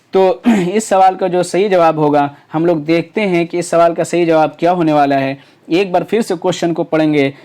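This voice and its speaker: A man's voice: fairly high pitch, dark tone. A man teaching exam preparation in Urdu. He works through past paper questions option by option, with many fillers, restarts and rhetorical questions.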